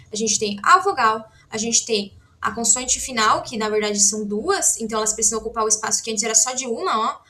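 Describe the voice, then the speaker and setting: A woman gives a relaxed online language lesson in a fairly high, bright voice. She explains as she writes, often pausing to check that her students are following. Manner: chatty, frequent "né?" and "tá?" check-ins; explains while writing on a board. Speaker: Korean language teacher.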